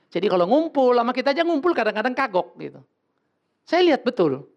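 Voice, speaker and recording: A man's voice: extremely high pitch, sing-song, fast, darkish tone, lo-fi sound. A male pastor giving a sermon in a blunt, joking, colloquial way.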